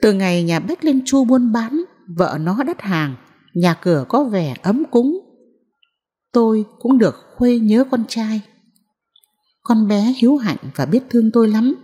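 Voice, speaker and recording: A woman narrating a novel in the first person as an audiobook reader, in a measured, mournful way. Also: a little high, expressive, warm tone, breathy edge, big-room sound.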